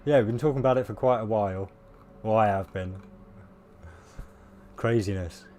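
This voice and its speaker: Brief: hoarse gaming streamer, rambling chat, faint hiss behind. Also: male voice, fairly low pitch, normal speed, darkish tone. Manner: rambling, many fillers, laughs at himself. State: losing his voice, coughing. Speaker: game streamer. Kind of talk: casual live-stream chat with viewers.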